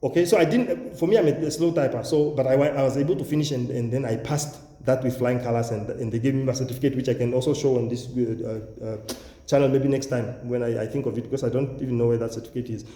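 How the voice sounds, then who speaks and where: A man's voice: medium pitch, steady tone, fast talker, dark tone. A man with a Namibian accent giving an informal promotional talk to viewers as a channel host, self-assured and boastful, repeating phrases for emphasis. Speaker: YouTube channel host, education agent and English test coach. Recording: echoey, reverberant room.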